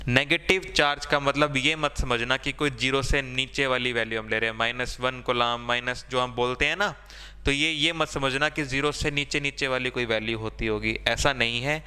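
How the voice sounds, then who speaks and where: Male science teacher, bright crisp voice, long reverb, voices students' questions and answers them. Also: medium pitch. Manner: conversational, repeats "theek hai" to check in. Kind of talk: board-exam science lesson.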